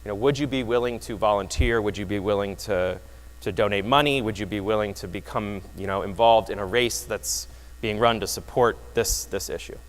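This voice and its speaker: A man giving a lively, wry conference talk that explains research results, often restarting his phrases. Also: fairly low pitch, a little fast. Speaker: presenter. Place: conference hall. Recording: long hall reverb.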